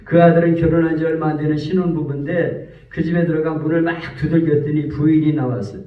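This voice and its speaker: A man gives a sermon as pastor, his voice sitting a little high as he tells a story and acts out the people in it. He sounds far from the microphone. The church is roomy and echoing, and the recording is dull and muffled. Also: fairly even intonation, quick pace. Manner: storytelling, acts out quoted speech. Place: church sanctuary.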